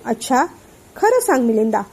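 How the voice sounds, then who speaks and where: A woman's voice: fairly high pitch, big pitch swings, normal speed, darkish tone, breathy edge, exaggerated voice. A woman voicing a hot-tempered suspicious young man. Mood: angry, suspicious. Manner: accusing, hot-tempered questioning.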